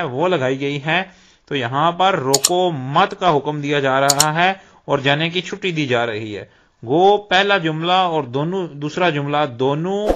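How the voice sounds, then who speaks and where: A man giving a slow, deliberate grammar lesson, explaining terms and repeating examples. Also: on the high side, background noise. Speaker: Urdu teacher. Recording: dull lo-fi recording.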